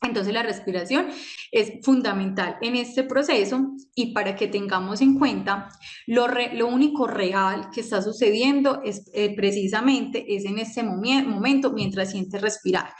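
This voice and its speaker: A woman's voice: medium pitch, normal speed. Woman psychologist, echoey room. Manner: conversational, asks many rhetorical questions. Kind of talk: talk on managing anxiety.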